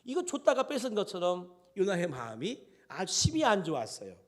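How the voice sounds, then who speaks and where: A male pastor delivering a Sunday sermon and turning often to his congregation to speak to them directly. His voice is high for a man and moves through a very lively pitch range. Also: fairly quick. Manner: animated, addresses the congregation directly.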